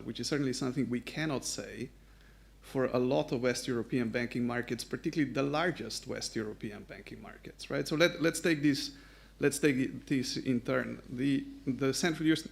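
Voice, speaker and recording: Gravelly man giving a confident panel talk. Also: medium pitch. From Slovenia. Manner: assertive, structured, emphatic.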